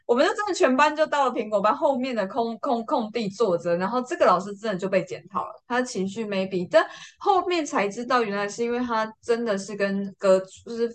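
A young woman with a Taiwanese Mandarin accent, telling a story as a guest in a casual chat and acting out the quotes with lively swings in her voice. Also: fairly quick. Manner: lively, acts out quotes with big pitch jumps, laughs often. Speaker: podcast guest.

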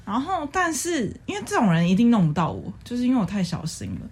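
Young woman, husky and breathy, calm and low-key co-host in casual chat. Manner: calm, quiet and measured, with mild complaints.

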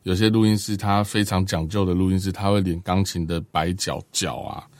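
A middle-aged man with a Taiwanese Mandarin accent talks quickly in a low voice. He explains things as a recording engineer, acting out sounds to make his points. The sound is dry and close. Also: no room sound. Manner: explains with sound examples, animated when excited. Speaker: recording engineer and drummer guest. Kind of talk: casual chat.

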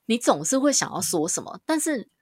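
Husky, animated woman telling a story. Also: fairly high pitch, a little fast, dry recording, studio quality. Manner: animated, swears casually, quotes herself in dialogue. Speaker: podcast co-host. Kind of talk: casual storytelling chat.

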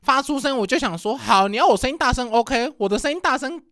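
A young man co-hosts a relaxed chat and tells his stories with loud, animated energy. He talks quickly, and his pitch jumps all over the place. The sound is dry and close to the mic. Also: no echo. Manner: animated storytelling, loud laughs. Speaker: podcast co-host. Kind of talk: casual chat.

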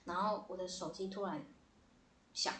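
A woman's voice: lowish voice, moderate pace, a little hiss or hum. Young woman telling a story, roomy sound. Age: young adult. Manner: lively storyteller, swears casually, repeats "对对对". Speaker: guest, theater director. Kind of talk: casual podcast storytelling. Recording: roomy echo.

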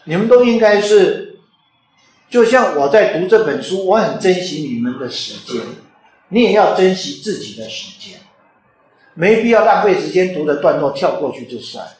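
A man's voice: high voice, big pitch swings, normal speed. A man who is an author and teacher, giving an informal lecture in a conversational way and often checking in with the listeners. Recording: very echoey room.

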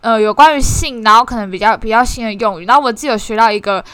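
A woman casually shares her impressions of a course, talking in an animated, self-mocking way with many restarts. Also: fairly high pitch, rapid-fire, clear, resonant tone, no room sound. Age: 20s. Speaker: course participant sharing reflections. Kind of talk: casual spoken sharing.

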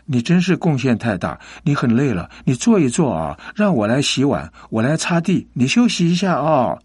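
A man voicing a weary, overworked husband who talks loudly and defensively. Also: mid-range voice, sing-song, moderate pace, breathy edge, no room sound, clean studio sound. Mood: tender. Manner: loud and defensive.

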